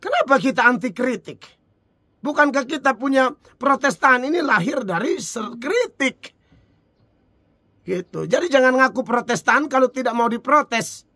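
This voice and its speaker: Man, preacher, informal sermon, high bright voice, dry close sound, rhetorical and chuckling. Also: measured pace, no echo. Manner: rhetorical questions, chuckling, lively.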